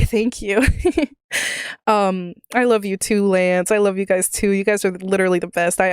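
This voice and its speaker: Rambling woman streamer, smooth dry voice. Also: mid-range voice, dry recording. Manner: rambling, many fillers and restarts. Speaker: livestreamer. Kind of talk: casual live-stream chat.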